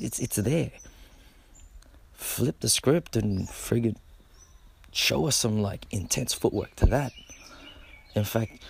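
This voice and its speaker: This middle-aged man, a b-boy, speaks casually to the camera in a lowish, husky voice with vocal fry. His talk is laid-back and meandering, peppered with swearing and repeated words.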